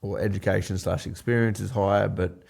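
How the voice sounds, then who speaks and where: A man with a low, gravelly voice hosts a podcast interview. His tone is dark and relaxed, and he talks bluntly and conversationally, thinking aloud as he asks questions. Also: a little fast. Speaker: podcast host.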